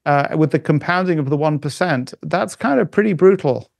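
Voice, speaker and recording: Expressive and creaky, with a darkish tone, this middle-aged man's voice still sits slightly high as he talks casually on a podcast as a guest. His speech halts and loops back through fillers and restarts, and German is not his first language. The audio is close and dry, free of echo.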